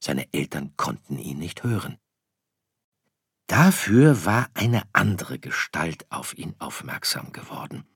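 A man reading a children's story aloud in a slow, expressive, soft-voiced way. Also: low voice, slightly rough, no echo, studio quality. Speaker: narrator.

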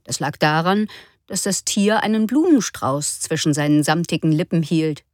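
A woman narrating a children's story in a lively, expressive way. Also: sits low, moderate pace, no echo, clean studio sound.

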